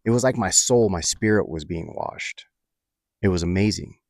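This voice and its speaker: A man recounts a personal experience in a low voice, pausing often and restarting his sentences. The sound is dry and close, with no room around it. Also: a little mellow, dry recording. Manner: reflective, halting, many fillers and restarts. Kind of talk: personal storytelling.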